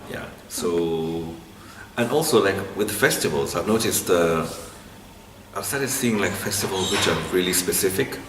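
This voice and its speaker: A man with a Kenyan accent answering interview questions conversationally, in a halting way with repeated phrases. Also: low voice, lively intonation, fairly bright tone. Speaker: interviewee, literary blogger. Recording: distant, echoey, noisy room.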